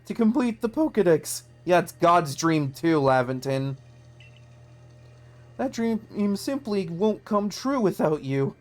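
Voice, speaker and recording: A streamer voicing an excitable male professor and man of science, reading game dialogue aloud in character in a raised, fussy voice. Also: mid-range voice, takes it slowly. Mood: earnest. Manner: indignant and fussy.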